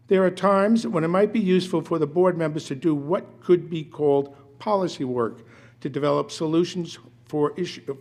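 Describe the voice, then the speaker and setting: An elderly man with a hoarse, failing voice, reading a prepared statement at a town meeting in a formal but halting way, often correcting himself. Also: on the high side, a little mellow. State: hoarse, losing his voice. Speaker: resident speaking at a town meeting. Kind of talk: prepared public statement read aloud.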